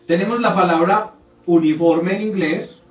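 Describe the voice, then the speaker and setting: A man teaches a live online English grammar class, explaining as he repeats example words again and again. His high voice moves at a normal pace but sounds distant and off-mic, in an echoey room with faint music.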